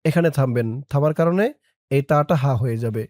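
Guy teaching a prayer, slow drawn-out chanting, quick explanations, smooth clear voice, dry close mic. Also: mid-range voice, a little mellow, dry recording. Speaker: religious teacher.

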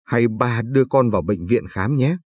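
A man's voice: mid-range voice, lively intonation, normal speed, a little mellow, slightly rough, dry recording, clean studio sound. A man reading the lines of a stern, grieving older father in a spoken story. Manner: stern, scolding.

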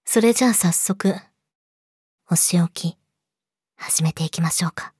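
A young woman playing a yandere girlfriend in a role-play audio drama, politely sweet, possessive and menacing, slipping into breathy whispers, close to the mic. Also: high-pitched, big pitch swings, normal speed, a little mellow, no room sound. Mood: quietly angry. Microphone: close studio mic, dry.

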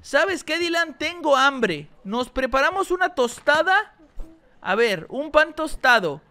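A woman hosting a let's-play video, playing alongside her young child, who gets excited and shrieks in alarm at the game and talks straight to her viewers. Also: sits high, slow pace. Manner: addresses viewers directly. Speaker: gaming channel host.

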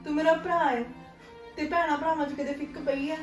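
An actress playing a sister who forgives her brother, earnest and gently firm. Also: high-pitched, steady tone, a little fast, echoey room, distant mic, music in the background, close to an everyday voice. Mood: forgiving.

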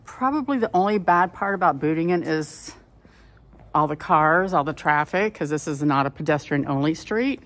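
Her voice is deep and expressive, moving at normal speed, as this tour guide walks outdoors through old town streets. She films while chatting casually and calling attention to the sights.

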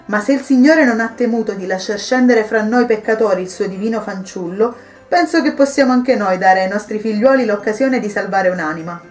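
A woman's voice: medium pitch, brisk, faint music behind, natural voice. A woman reading as a kind, devout housewife. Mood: gently persuasive. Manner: warm, patient pleading. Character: kind, devout wife and mother, gently persuasive.

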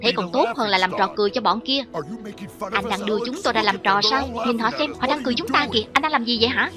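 One woman narrates a scripted cartoon voice-over translation, taking on every character over the original. She speaks quickly in a voice on the high side, with the cartoon's loud audio and music underneath.

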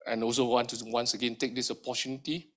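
A man with a hoarse, recovering voice giving formal opening remarks at an event, measured with frequent ums. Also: medium pitch, flat delivery, fairly bright tone. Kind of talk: formal speech at a public event.

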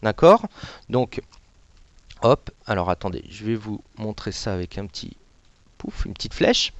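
A man giving a casual live demonstration of trading software to an audience, hesitant, with many fillers and little sound words. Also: on the low side, very animated, measured pace, no echo, muffled recording. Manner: says he is not an analyst. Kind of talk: live software demo webinar.

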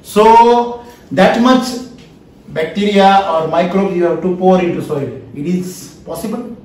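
His voice sits high and a little mellow, moving at a measured pace as this Indian-accented lecturer in his forties emphatically questions his class and repeats key phrases. A camera a few feet off captures him in a small wood-panelled training room, leaving heavy echo and a distant sound.

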